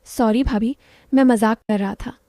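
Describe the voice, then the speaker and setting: A lovesick young man with a soft, coaxing way of talking, as a woman reads him. The voice sits fairly high and mellow, with a close, dry sound. It stays gentle and near to everyday speech. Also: steady tone, normal speed, no room sound, lightly acted. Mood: teasing.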